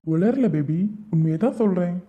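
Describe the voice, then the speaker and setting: A woman's voice: fairly low pitch, animated, normal speed, mellow, natural voice. A woman voicing a brash young male college student in a cartoon, teasing and cocky. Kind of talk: cartoon voice acting. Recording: tinny phone-like sound.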